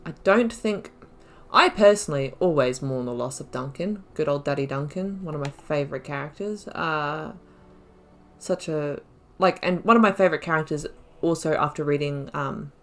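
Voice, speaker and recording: Her voice is low and her pace moderate as this woman, a gaming channel host, plays through a game. She offers relaxed let's play commentary, musing aloud along the way.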